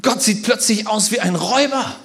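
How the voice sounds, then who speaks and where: A man preaching a sermon as a pastor, telling stories with animated, loud bursts. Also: high voice, moderate pace, vocal fry.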